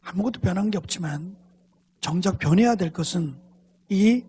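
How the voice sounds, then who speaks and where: Male pastor, dramatic sermon storyteller, husky tone, reverberant sanctuary. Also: sits high, normal speed. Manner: dramatic, drops to hushed near-whispers. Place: church sanctuary. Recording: long hall reverb.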